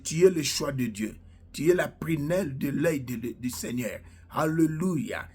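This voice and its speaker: A slow, husky-voiced male preacher and self-styled prophet whose first language is Lingala delivers a prophetic sermon full of declarations. His voice is on the high side with a darkish tone, and he fervently punctuates lines with "alleluia," drawing out his words with repetitions.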